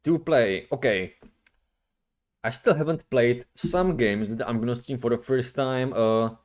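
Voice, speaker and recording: A man with a middle-range voice hosts a casual livestream. He rambles in loose, slangy speech, often halting and circling back before he finishes a thought. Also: mid-range voice, darkish tone. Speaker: streamer, VTuber host.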